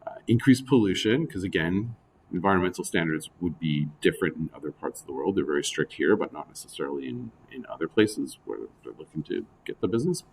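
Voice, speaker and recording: Deep-voiced man teaching, voice going hoarse. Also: lively intonation, fast talker, a little hiss or hum. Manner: conversational, with frequent fillers and asides. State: losing his voice. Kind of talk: recorded classroom lecture.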